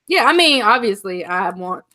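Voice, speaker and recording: A woman's voice: medium pitch, sing-song, moderate pace, pushed and bright, a little hiss or hum. A woman shop owner chatting casually on a live stream, gushing and full of filler likes.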